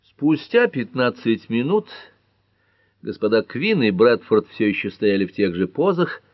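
A man narrating a detective audiobook in an even, measured way. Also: medium pitch, no echo. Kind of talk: scripted narration.

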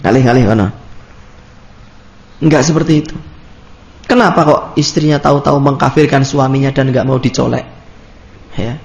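A man's voice: high voice, vocal fry, reverberant. A man with a Javanese accent giving a religious study lecture in a conversational way, acting out little anecdotes. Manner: conversational, mixes in Javanese, animated acted-out anecdotes. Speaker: Islamic preacher.

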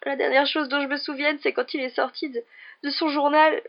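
Woman reader doing a high, sobbing scared young girl, pleading and breathless, muffled lo-fi sound. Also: flat delivery, brisk, vocal fry. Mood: tearful, pleading.

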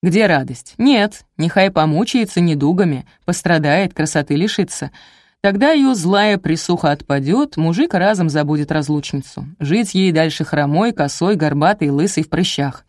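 A woman's voice: deep voice, animated, normal speed, a little mellow, no room sound, clean studio sound. A woman voicing a sly old male village sorcerer who swindles people, with a sing-song, falsely sweet folksy patter.

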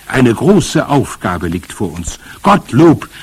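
A man reading aloud plays a spirited, determined old grandmother who speaks in a brisk, emphatic and commanding way. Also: medium pitch, sing-song, a little hiss or hum, pitched above the performer's own voice. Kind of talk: audiobook character voice.

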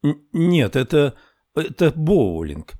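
A man voicing an impatient young woman, pitched up. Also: sing-song, slow pace, mellow. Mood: flustered. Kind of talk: audiobook character voice.

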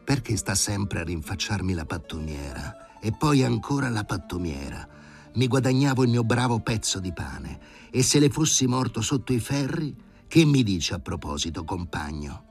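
A man's voice: lowish voice, sing-song, moderate pace, creaky, faint music behind, voice pushed up. A man voicing a coarse, cocky man who used to be a stray dog, talking back with brash, sarcastic insolence in an audiobook reading.

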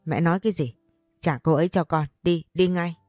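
A woman's voice: on the low side, fairly even intonation, a little fast, darkish tone, no echo, studio quality, soft background music, lightly acted. A woman voicing a furious, protective young husband in a read-aloud story.

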